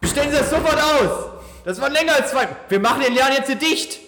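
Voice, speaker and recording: A man putting on a barking official raiding a podcast over music fees, shouting so loudly that his mic clips and distorts. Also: animated, quick pace, exaggerated voice. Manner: shouting high and loud. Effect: clipping, distorted overdriven mic. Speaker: podcast co-host. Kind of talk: casual chat. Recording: roomy echo, faint music behind.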